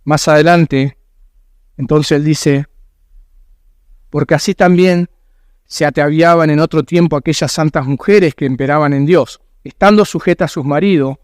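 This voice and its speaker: A man's voice: on the high side, moderate pace, darkish tone, dry recording, clean studio sound. A man with a Rioplatense Spanish accent preaching a sermon as a pastor in a church, earnest and emphatic, asking rhetorical questions.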